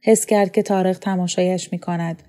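Woman narrator, calm measured novel reading, mellow warm tone. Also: on the low side. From Iran. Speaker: audiobook reader.

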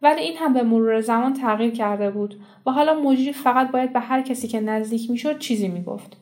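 A woman reading a short story aloud in a steady, measured storytelling manner. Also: fairly high pitch. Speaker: story reader. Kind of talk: scripted audiobook narration.

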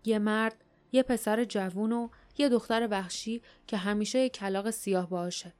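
A woman reading the lines of a gruff, secretive rebel man who talks in a dry, curt way. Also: mid-range voice, fairly even intonation, a little mellow, close to an everyday voice.

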